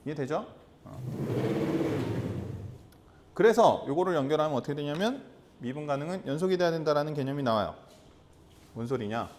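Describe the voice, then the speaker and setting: A man teaching a high school math lesson, repeating key terms and asking the class rhetorical questions. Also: lively intonation, normal speed, pauses often, a little mellow. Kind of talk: classroom lecture.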